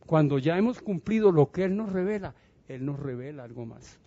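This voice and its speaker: A male pastor preaching a sermon in a church, animated and dramatic, getting the congregation to repeat phrases and asking them questions. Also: fairly high pitch, normal speed, dull audio.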